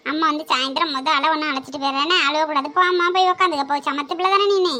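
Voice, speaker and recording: A woman's voice: high voice, steady tone, very fast, pushed and bright. A woman playing an anxious, doting mother who coaxes her son and fusses over him. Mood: coaxing. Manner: coaxing, fussing and pleading.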